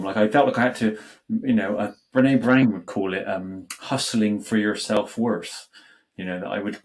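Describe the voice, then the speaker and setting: A man in his forties with a somewhat low voice hosts a podcast conversation. He reflects slowly and hesitantly, with many pauses and fillers. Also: darkish tone. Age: 40s. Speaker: podcast host.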